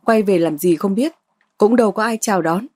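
A haughty, spoiled young woman who sneers and taunts, as a woman reads her in a storybook. The voice is mellow and husky, close and dry. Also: medium pitch, brisk, no room sound, close to an everyday voice. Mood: sneering.

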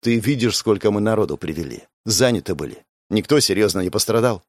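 A man's voice: on the low side, animated, a little fast, no room sound, clean studio sound. A man reading as a weary ship captain. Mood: practical. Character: weary young male ship captain, practical.

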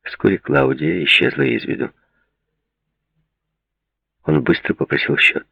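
A man narrating an audiobook in an expressive storytelling manner. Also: mid-range voice, unhurried, vocal fry, no room sound. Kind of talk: scripted narration. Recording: dry, slightly muffled audiobook recording.

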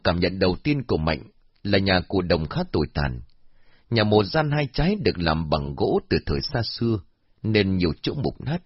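A male storyteller reads with a low, husky voice and a lively, varied pitch. The recording is dry and dull, with a lo-fi sound. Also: dry recording. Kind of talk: story narration.

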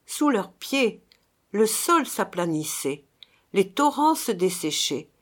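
A woman's voice: medium pitch, sing-song, slow pace. A woman reading a gothic tale aloud as narrator, in a dramatic, theatrical way.

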